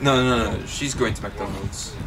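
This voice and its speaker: A man's voice: lowish voice, moderate pace, heavy background noise. A young man chatting casually while playing a game with a friend, laughing a lot and yelping when chased. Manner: laughs a lot, yelps and shouts mock French when chased. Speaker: gamer. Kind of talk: casual gaming chat.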